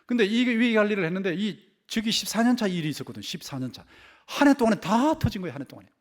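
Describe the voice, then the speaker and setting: High-voiced pastor hammering key words. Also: male voice, sing-song, fast. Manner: emphatic, repeats key words for stress; asks the congregation rhetorical questions. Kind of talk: Sunday sermon. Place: church sanctuary.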